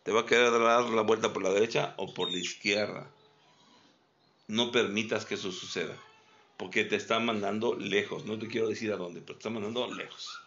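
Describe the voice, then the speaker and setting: A man teaching dog training outdoors, calmly demonstrating and repeating commands. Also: lowish voice, fairly quick. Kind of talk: hands-on training instruction. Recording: dull recording with loud background noise and barking dogs.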